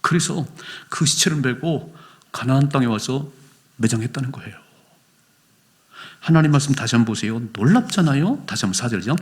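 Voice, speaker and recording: A man preaching a sermon in a church, talking to the congregation in a conversational way, asking them questions and sometimes dropping to a hushed whisper for emphasis. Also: mid-range voice, animated, a little fast. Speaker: pastor.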